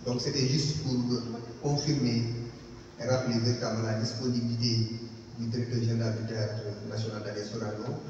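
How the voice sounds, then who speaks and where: A man giving a formal thank-you speech at an exhibition opening, halting with many fillers and restarts. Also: medium pitch, a little mellow. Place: large hall at an art gallery. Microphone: far camera. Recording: echoey hall from far off, dull, noisy.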